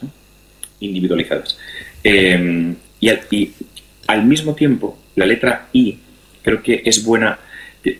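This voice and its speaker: Speaking in a fairly low, slightly bright voice, a middle-aged Spanish guest speaker discusses family and sex education in a conversational, explanatory interview. He is didactic and repeats phrases for emphasis, and the echoey room makes the recording sound roomy.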